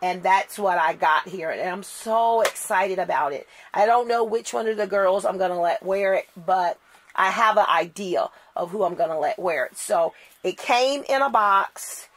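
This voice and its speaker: A woman's voice: mid-range voice, moderate pace. A middle-aged woman unboxing a doll outfit in casual chat, tired, gushing and repeating words for emphasis. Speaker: doll collector vlogger.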